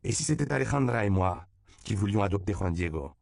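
An outspoken middle-aged doctor in a storybook argues heatedly and raises his voice, as the narrator acts him out. The voice is loud and forceful. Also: on the low side, expressive, fairly quick, vocal fry, no room sound, clean studio sound, voice pushed up. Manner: heated, shouting.

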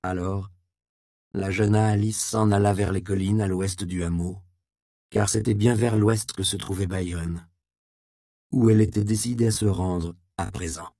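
A man narrating a storybook in a measured, expressive reading. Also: sits low, no echo, studio quality.

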